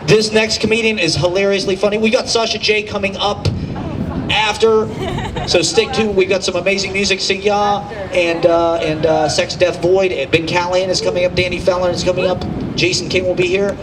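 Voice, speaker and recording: A man's voice: high voice, flat delivery, a little fast. A man hosting a live rooftop show, introducing performers in a casual, rambling, effusive way. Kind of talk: casual live stage announcing. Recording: distant mic, loud open-air noise.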